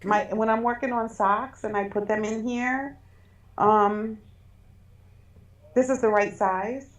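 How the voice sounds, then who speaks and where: A woman co-hosting a casual podcast chat, talkative and quick to laugh, with frequent restarts. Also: fairly high pitch, steady tone. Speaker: podcast co-host.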